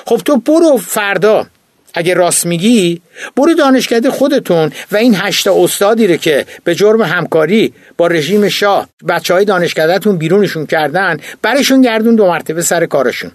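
A man reading an audiobook, voicing a weary older male university chief who lectures in heated, rapid-fire rhetorical questions. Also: sits high, lively intonation, dry recording, clean studio sound, voice pushed up. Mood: exasperated. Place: recording studio.

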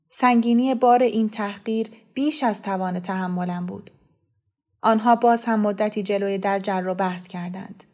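A woman narrating a novel in the first person, in a calm, measured storytelling voice. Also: mid-range voice. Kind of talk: scripted audiobook narration.

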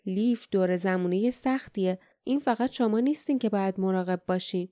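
A woman reading the part of a calm, serious young man in an audiobook, speaking slowly and earnestly. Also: medium pitch, dry recording, studio quality, natural voice.

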